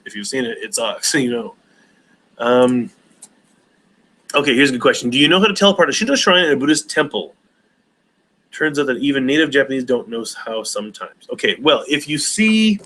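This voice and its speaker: A man's voice: mid-range voice, fairly bright tone, low-quality recording. A man in his forties hosting a casual live stream Q&A, rambling with many hesitations and restarts. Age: 40s.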